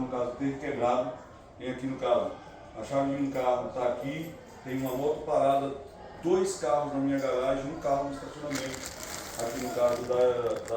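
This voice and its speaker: A tired man giving a motivational talk to a class of students, filling his speech with "no caso" and pushing the room to answer him. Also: medium pitch. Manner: constant filler "no caso", calls for audience answers. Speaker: recruiter speaking to students. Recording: very echoey room, distant mic, background noise.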